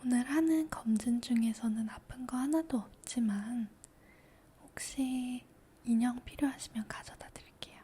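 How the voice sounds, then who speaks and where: A woman whispering softly through an ASMR doctor checkup roleplay, gentle, reassuring and patient. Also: fairly high pitch, normal speed, husky. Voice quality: soft whisper.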